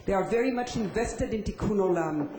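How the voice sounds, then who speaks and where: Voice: mid-range voice, animated, brisk, mellow. An audience member at a conference, commenting hesitantly with many fillers. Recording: echoey conference hall.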